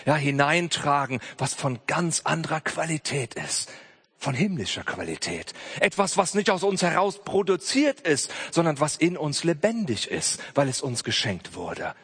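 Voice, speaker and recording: A man preaching a Pentecost sermon, emphatic and direct, often calling out "hey" and dropping into soft, low passages. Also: slightly rough. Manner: frequent interjected "hey". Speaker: pastor. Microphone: streamed church service.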